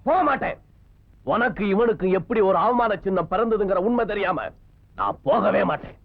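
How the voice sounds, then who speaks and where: An actor playing a vengeful, domineering elder brother in a film melodrama, menacing and shouting in bursts. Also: male voice, sits high, lively intonation, moderate pace, no room sound. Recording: dull lo-fi film soundtrack with music.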